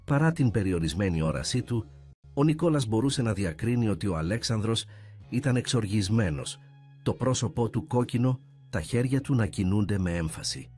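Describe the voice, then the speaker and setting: A man's voice: on the low side, expressive, darkish tone, soft background music. A man narrating a scripted story in a dramatic storytelling manner.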